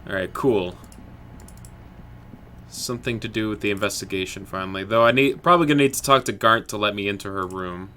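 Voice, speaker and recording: A man streaming a video game, reading its story aloud with playful quick asides. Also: fairly low pitch, bright, forceful tone, slight background noise.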